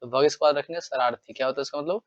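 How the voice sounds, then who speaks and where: A man's voice: fairly high pitch, very fast, no room sound, highs cut off. Man teaching with quiz-style repetition. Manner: repeats phrases and quizzes the viewer with rhetorical questions. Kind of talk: exam-prep vocabulary lesson.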